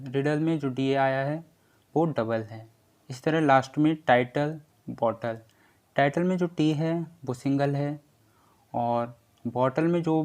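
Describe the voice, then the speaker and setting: Slow, patient male teacher. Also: on the high side, a little mellow. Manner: slow, patient and repetitive, drawing out letter sounds. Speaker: English pronunciation teacher. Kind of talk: slow spelling lesson explanation.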